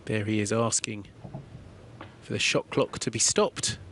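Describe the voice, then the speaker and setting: Calm, measured male billiards commentator. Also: on the low side, slight background noise. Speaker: sports commentator. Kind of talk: play-by-play commentary.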